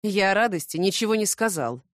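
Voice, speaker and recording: A woman's voice: medium pitch, lively intonation, brisk, no room sound, clean studio sound, lightly acted. A woman voicing a shy, stubborn young male student who grumbles irritably. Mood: annoyed.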